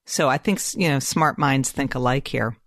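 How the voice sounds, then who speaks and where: A woman hosting a podcast, chatting in a friendly, easy way with quick asides. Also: rumbling low, dry recording, studio quality. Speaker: podcast host. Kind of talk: casual podcast chat.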